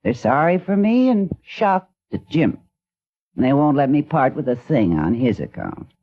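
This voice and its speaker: Through a dull, lo-fi old radio broadcast, a woman delivers 1950s radio acting as a worried older widow raising her grandson, pleading earnestly for help. Her pitch is extremely low, her delivery very animated, and her pace moderate.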